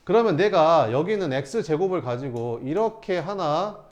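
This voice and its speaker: Animated Korean math teacher, lively pitch. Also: male voice, measured pace, lo-fi sound. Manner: rhetorical questions, answering himself. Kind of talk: lecturing students through problems.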